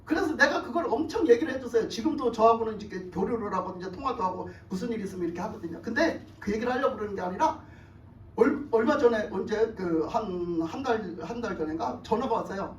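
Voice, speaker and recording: A woman's voice: a little high, animated, fast. A woman pastor preaching in a colloquial storytelling style, often laughing and acting out quotes. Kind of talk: storytelling sermon. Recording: roomy church hall, distant mic, faint ambience.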